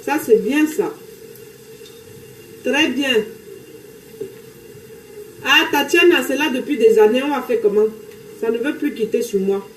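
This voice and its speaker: A chatty woman with a Cameroonian French accent hosts a casual live stream from her home kitchen, greeting viewers as she cooks. Her voice sits a little high, and the room rings with echo under a faint hiss of noise. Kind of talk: casual live-stream chat while cooking.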